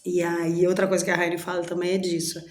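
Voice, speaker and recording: A woman's voice: fairly low pitch, monotone, brisk, a little hiss or hum. Chatty woman vlogging, echoey room. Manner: chatty and candid, acts out inner dialogues. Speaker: channel host. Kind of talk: personal reflection vlog.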